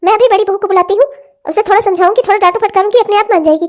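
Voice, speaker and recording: A woman's voice: very high-pitched, very fast, darkish tone, pitched above the performer's own voice. A woman voicing a doting, fretful older mother-in-law in a cartoon family drama, coaxing and chiding. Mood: soothing.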